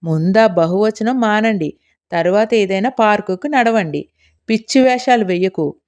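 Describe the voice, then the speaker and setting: A woman's voice: medium pitch, normal speed, darkish tone, lightly acted. A teasing young woman, read by a woman narrator. She talks in a playful, mischievous way. This is a storybook reading in an ordinary woman's voice. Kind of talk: audiobook character reading.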